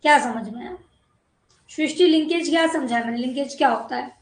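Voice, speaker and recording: Female biology teacher with a high voice, lecturing in an echoey room. Coaxing, keeps checking that the class follows. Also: brisk. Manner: coaxing, repeatedly checks understanding.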